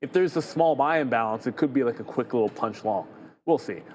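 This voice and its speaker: A man's voice: medium pitch, brisk, a little mellow. A man co-hosting a live trading show, giving casual, off-the-cuff market commentary as he thinks aloud in a conversational way. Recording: faint noise on live stream.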